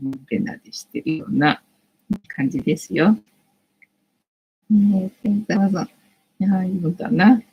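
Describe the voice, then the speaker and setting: Husky, gravelly middle-aged woman chatting. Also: on the low side, darkish tone, lo-fi sound. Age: late 40s. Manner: rambling, chatty, frequent fillers. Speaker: livestream host. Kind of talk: casual livestream chat. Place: at home.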